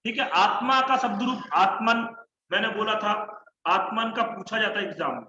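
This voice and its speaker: A man's voice: high voice, moderate pace, sharp tone, echoey room, dull audio, slight background noise. A man teaching an online Sanskrit class, chanting word forms in rhythmic lists and correcting his students. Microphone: online class call mic.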